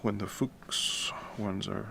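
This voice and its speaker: Quietly, to avoid noise in the middle of the night, a deep-voiced baritone music composition streamer rambles while working, slow and creaky in delivery. His manner is relaxed, with casual swearing. In his home room, typing and other background noise are noticeable.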